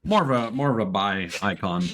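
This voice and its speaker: Over game music and slight background noise, a male streamer with a voice on the low side talks briskly. He casually reads a game's dialogue and text aloud in a flat, relaxed manner and comments in between.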